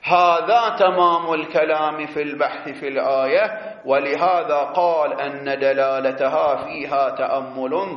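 A man giving a seminary lecture, explaining animatedly and drawing out key words slowly. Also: a little high. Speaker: teacher of religious jurisprudence. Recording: echoey, dull lo-fi classroom recording.

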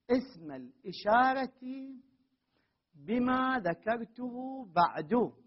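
In a muffled, dull classroom recording, a man with a high-pitched, slightly rough voice teaches a grammar lesson. He reads a text aloud, often stopping to question his students and correct them firmly.

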